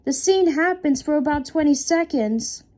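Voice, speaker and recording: A woman narrating a horror story in a halting way, with frequent restarts. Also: high voice, expressive, mellow. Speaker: creepypasta narrator. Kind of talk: unscripted horror story reading.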